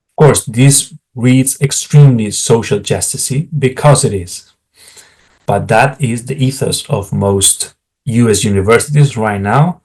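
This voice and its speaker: Speaking to camera with a darkish, mid-range voice, this academic career advisor from Spain, middle-aged and Spanish-accented as a native speaker, bluntly explains how to prepare academic job materials and frequently adds asides to his audience.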